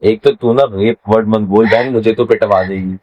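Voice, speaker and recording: A man's voice: fairly low pitch, steady tone, moderate pace, highs cut off. A young man teaching a casual vocabulary lesson, quizzing and teasing his student in a playful way.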